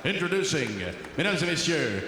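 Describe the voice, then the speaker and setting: Male arena announcer, boxing ring introductions, slightly high voice, long echoing reverb, deliberate, drawn-out names. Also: big pitch swings, pushed and bright. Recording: echoey arena PA, long reverb, faint noise.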